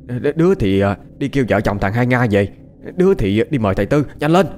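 A man's voice: mid-range voice, expressive, fairly quick, a little mellow, slight background noise, natural voice. A man playing a bossy old village woman who scolds and gives orders. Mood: urgent.

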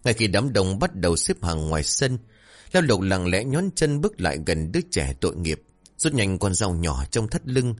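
A man narrating a horror story in a dramatic, expressive way. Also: sits low, moderate pace, soft background music.

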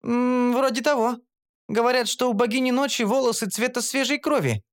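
A man's voice: extremely high pitch, normal speed, voice pushed up. A man doing a jittery young gnome girl. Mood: earnest. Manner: eager, pleading. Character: earnest anxious young female gnome. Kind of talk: audiobook character voice.

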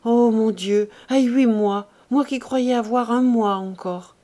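A woman reading aloud, voicing a young pregnant wife in labor who is ashamed and pleading, her voice pitched higher and louder. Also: steady tone, slow pace. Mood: pained.

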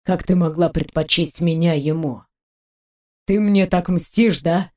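A betrayed husband, jealous and furious, his voice dropped low and heavy, as a woman narrator puts him on. He drags out each sneering threat slowly, full of menace. This is a storybook villain of the moment, bitter to the bone. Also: darkish tone, close to an everyday voice.

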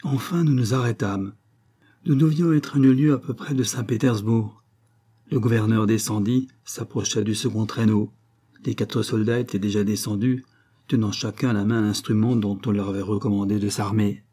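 A low-voiced man narrates a story in a measured, grave manner. His tone is mellow and dark, with a husky edge. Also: steady tone. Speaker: audiobook narrator.

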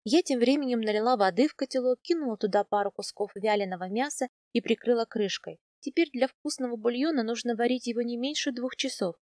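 A woman narrating a first-person audiobook in a lively, expressive reading voice. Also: on the high side, fairly quick, hardly any pauses, no echo, studio quality. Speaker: audiobook reader.

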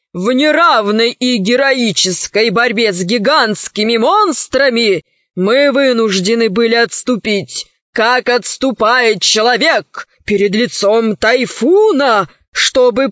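A woman's voice: fairly high pitch, a bit bright, no echo. Woman playing a gloating scarred villain admiral. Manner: gloating, mock-courteous, grandiose. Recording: dry, dull lo-fi recording.

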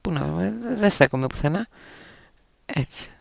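Gravelly, slightly high-voiced male radio host. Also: lively intonation, dry recording, clean studio sound. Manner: easygoing and teasing, with many hesitations. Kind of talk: casual on-air chat.

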